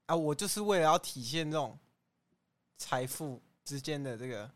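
A man, a guest on a comedy podcast, answering in a smug, deadpan way. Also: fairly high pitch, normal speed, no room sound.

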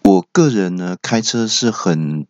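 A man from Taiwan, hosting a comedy podcast and telling self-mocking stories in a deadpan way. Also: low voice, unhurried, no echo, lo-fi sound. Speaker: podcast host. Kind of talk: comedy monologue.

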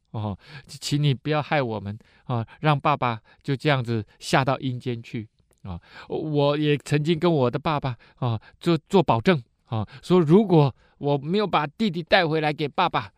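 A man's voice: dry recording, studio quality, natural voice. A man voicing a humble elder brother who begs earnestly for mercy. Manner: begging, earnest, raised pitch. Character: pleading elder brother, desperate humble supplicant.

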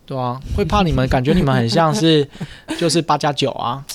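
A man's voice: fairly high pitch, fairly quick, no room sound. A man, a speech therapist hosting a casual podcast chat, explaining patiently and teasing his co-host. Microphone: studio mic with headphones.

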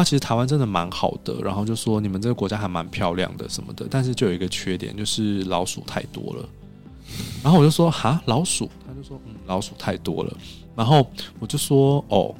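A man telling stories in a casual podcast chat in a recording studio, animated and acting out the other people's lines. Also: on the low side, fast talker, soft background music. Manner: animated, acts out quoted dialogue.

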